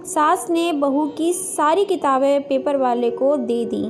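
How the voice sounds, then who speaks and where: A woman's voice: high voice, slow pace, faint music behind. A woman narrating a family storybook tale in a plain storytelling manner.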